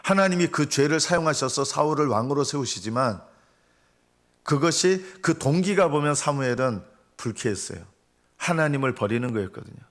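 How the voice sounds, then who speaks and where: At an early-morning service, a middle-aged senior pastor preaches earnestly in an average-pitched, fairly bright voice. He is animated and keeps a moderate pace, repeatedly posing questions to the congregation and then answering them himself.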